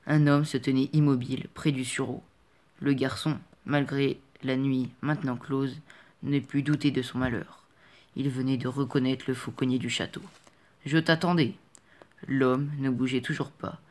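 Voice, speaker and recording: A male audiobook reader narrating a storybook chapter. His pitch sits at an ordinary middle height, and he reads in a measured, calm and steady way.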